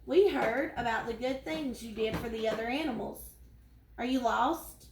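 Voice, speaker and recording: A woman's voice: a little high, moderate pace, background noise, natural voice. A woman doing a cheeky, offhand monkey. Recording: roomy echo.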